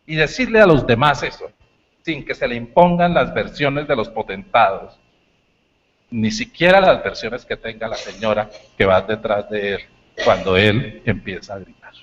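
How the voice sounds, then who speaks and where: A man giving a university lecture, telling stories with animated, shouted bits. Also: medium pitch, moderate pace, lo-fi sound, slight background noise. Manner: animated storytelling, shouts acted lines. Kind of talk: lecture talk.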